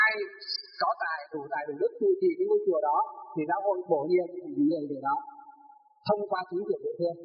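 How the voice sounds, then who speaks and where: Northern vietnamese monk rambling thru a story sermon, high voice, tinny phone sound w/ long hall echo, faint music behind. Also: male voice. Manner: rambling, anecdotal, tags phrases with "đấy". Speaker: Buddhist monk giving a dharma talk.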